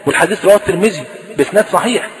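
A male preacher with an Egyptian Arabic accent tells a story in a sermon. He acts out the dialogue in an animated way. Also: high voice, rapid-fire. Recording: long hall reverb.

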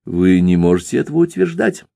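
A man's voice: on the low side, sing-song, normal speed, dark tone, no echo. A man voicing a cynical, bigoted male police investigator who questions with dry, needling remarks.

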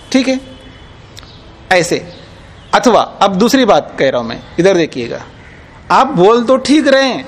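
A man teaching a class on Indian logic, explaining patiently with repeated examples and frequent check-ins with his students. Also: high voice. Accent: Hindi. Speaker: teacher of Nyaya philosophy.

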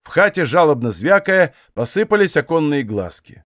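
A male narrator reading a novel in a measured, literary way. His voice sits a little high and moves expressively, recorded close and dry. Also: big pitch swings, no room sound. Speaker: audiobook reader. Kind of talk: audiobook narration.

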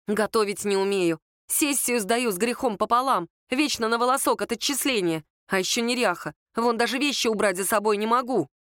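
A woman's voice: on the high side, brisk, few pauses, fairly bright tone, dry recording, studio quality, natural voice. A woman doing a sulky self-pitying young woman. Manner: sulky, complaining, sarcastic.

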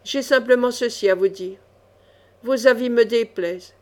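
A woman's voice: fairly high pitch, normal speed, darkish tone, lightly acted. A woman voicing a jealous, hot-tempered male baron in a storybook reading, growling and seething.

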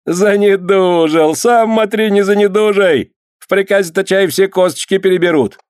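A man's voice: high-pitched, normal speed, darkish tone, clear, resonant tone, dry recording, studio quality, voice pushed up, natural voice. A man voicing a jeering young male clerk. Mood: mocking.

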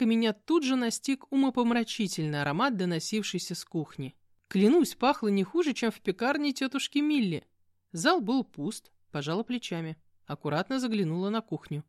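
A woman's voice: mid-range voice, no room sound, studio quality. Woman reading a fantasy audiobook. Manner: expressive, animated reading. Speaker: audiobook narrator. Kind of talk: first-person fantasy audiobook narration.

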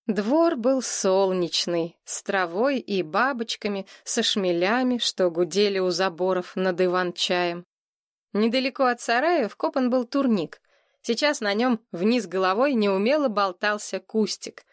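A woman reading a children's story aloud with clear, expressive narration. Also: mid-range voice, a little slow, no room sound, clean studio sound. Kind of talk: audiobook narration.

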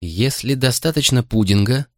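A man's voice: mid-range voice, normal speed, a little mellow, no room sound, studio quality, pitched above the performer's own voice, close to an everyday voice. A man voicing an anxious young boy who presses with emotional, pleading questions in an audiobook.

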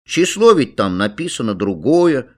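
A man voicing rowdy little brothers in a children's story, shouting boisterously. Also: mid-range voice, sing-song, measured pace. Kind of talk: storybook reading.

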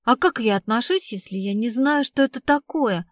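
A woman's voice: fairly high pitch, expressive, moderate pace, dry recording, clean studio sound, close to an everyday voice. A woman reading the part of a blunt, streetwise young woman who tells her story in slangy, casual speech. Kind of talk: audiobook reading.

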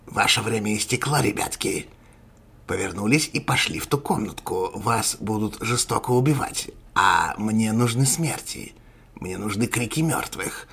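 A man puts on a crow-masked sorcerer villain for an audio story, his voice thick with gravel and grit. He speaks in a husky rasp, gloating and menacing, taking his time over every threat. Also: lowish voice, lively intonation, measured pace, fairly bright tone, heavily acted. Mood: gloating menace. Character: sinister male sorcerer villain in a crow mask.

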